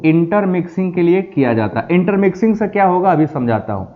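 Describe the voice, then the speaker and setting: A man teaching a chemistry lecture, explaining slowly and asking the students questions again and again. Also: sits high, big pitch swings, narrow, tinny audio, a little hiss or hum. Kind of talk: classroom lecture.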